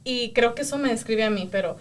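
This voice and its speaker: A podcast co-host with a Mexican accent chats casually, telling lively stories and laughing often in a warm way. Her voice is fairly high and brisk, with a little background noise.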